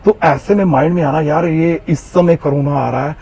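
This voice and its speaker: In an interview, a Covid survivor with a Jammu Hindi accent describes his illness at a normal speed, his fairly high, mellow voice showing vocal fry. He's earnest and repetitive, with frequent fillers, and the audio is slightly muffled with faint background noise.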